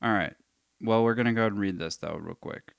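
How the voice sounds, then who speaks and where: A man's voice: lowish voice, fast talker, creaky, clear, resonant tone, no room sound, studio quality. A man hosting a live question session, casually thinking aloud and reading long passages aloud with emphasis. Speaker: host answering viewer questions.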